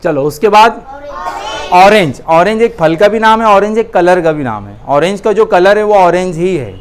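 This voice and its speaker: Coaxing Hindi woman teacher, low voice. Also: expressive, normal speed. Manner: asks students questions, coaxing. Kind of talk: classroom lesson.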